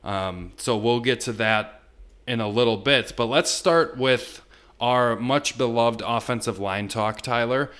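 A man's voice: mid-range voice, a little slow, a bit bright, smooth. A man hosting a casual sports podcast. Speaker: podcast host.

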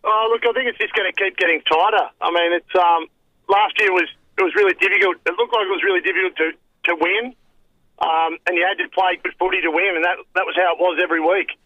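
A man's voice: sits high, steady tone, fast, dry recording. An easygoing Australian man chatting casually as a guest on a radio phone call. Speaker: phone-in guest, restaurant operator. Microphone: telephone.

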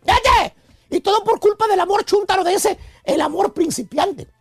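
A man's voice: very high-pitched, animated, normal speed, vocal fry, soft background music, full character voice. A man playing a pompous old male professor who lectures on love in a radio comedy sketch, in a theatrical, preachy manner. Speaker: comic radio host.

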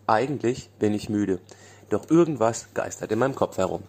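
Sleepless woman, weary, mellow, soft, put on by a male narrator. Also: on the low side, animated, moderate pace. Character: tired sleepless woman, puzzled.

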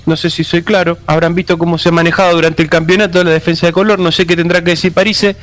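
A man's voice: a little high, flat delivery, fast, a bit bright, faint music behind. A man, arguing his point emphatically as a pundit on a comic football panel and repeating himself. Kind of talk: heated comic panel debate.

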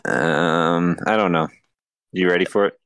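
A man's voice: low voice, measured pace, a bit bright, smooth, dry recording. A man on a casual podcast who runs a word game, playful and laughing, with hesitant fillers. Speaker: guest running a word game.

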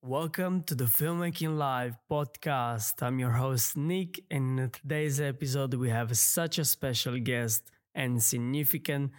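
Eager podcast host with non-native phrasing. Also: male voice, medium pitch, a little slow, hardly any pauses. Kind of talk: casual interview chat.

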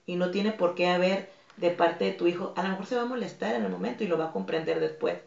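A Mexican woman with a Mexican Spanish accent, speaking as a guest in a podcast interview, earnest and firm, softening her voice when she acts out calm replies. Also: lowish voice, quick pace, vocal fry. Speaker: guest, dance academy founder. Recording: echoey, dull lo-fi room.

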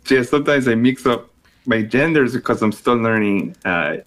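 A man improvises a comedy bit as a vain, tipsy actress, faking a Colombian Spanish accent. His voice is medium-pitched, animated and lightly acted at normal speed, with a haughty, tipsy mood. He comes across haughty, blunt and rambling.

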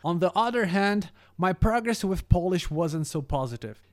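Here a man whose mother tongue is Brazilian Portuguese reads a script about learning languages at a moderate pace. His high-pitched delivery is careful and steady.

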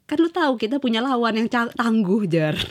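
A young woman in casual conversation, lively and teasing, laughing as she talks about playing on her team. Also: a little high, normal speed. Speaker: guest, futsal player. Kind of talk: casual chat.

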